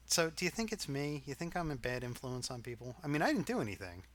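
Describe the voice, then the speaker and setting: A man's voice: medium pitch, very animated, fast. A middle-aged man from Arkansas, a podcast co-host, telling a rambling, profane story in casual chat.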